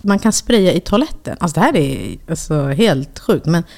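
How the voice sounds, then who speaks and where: A woman's voice: lowish voice, vocal fry. A woman with a Swedish accent co-hosting a podcast, chatting casually and telling stories where she acts out what others said. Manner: animated storytelling, acting out quotes. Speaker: podcast co-host. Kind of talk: casual chat.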